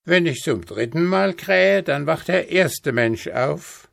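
A proud golden rooster on a church tower, calling down, as a man puts him on. The voice rises high above the reading voice, recorded close and dry. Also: lively intonation, slow, creaky, fairly bright tone, no room sound, full character voice.

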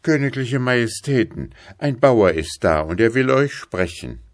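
A man voicing a gruff, shouting sentry at a royal palace. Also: medium pitch, expressive, unhurried, no echo, clean studio sound, voice pushed up, natural voice. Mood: reporting. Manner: brusque, barking.

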